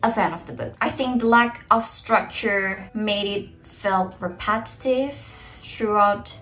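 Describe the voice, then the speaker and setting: A young Indonesian-speaking woman in her twenties chats to viewers in an opinionated book review vlog, filmed indoors in her bedroom in front of a bookshelf. Her mid-range voice is unhurried and fairly bright, with faint music behind her.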